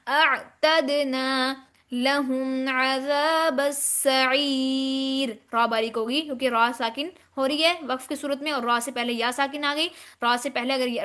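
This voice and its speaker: A woman teaching Quranic recitation rules, explaining step by step and demonstrating words in slow drawn-out chanting. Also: on the high side, pushed and bright. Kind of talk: tajweed lesson.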